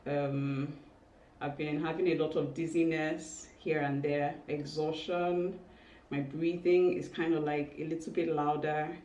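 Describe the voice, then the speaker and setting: A woman in her thirties talking casually and confessionally to vlog viewers, candid and emotional, with halting speech and small exclamations. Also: low-pitched, level tone, mellow. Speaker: vlogger. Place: indoors in a home room. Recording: roomy, distant mic, faint noise.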